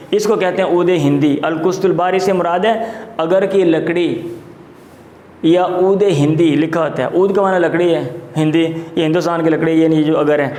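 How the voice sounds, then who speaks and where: A male teacher gives a classroom lecture. He explains vocabulary term by term, repeating each word slowly. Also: high voice, darkish tone, roomy sound, slight background noise. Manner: explains words slowly, repeating terms, mixes in Punjabi asides.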